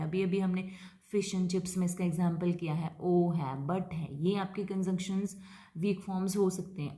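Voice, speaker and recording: A woman with an Indian English accent, lecturing to students and explaining terms slowly, mixing Hindi with English words. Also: on the low side, mellow. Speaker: English teacher. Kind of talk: classroom lecture video.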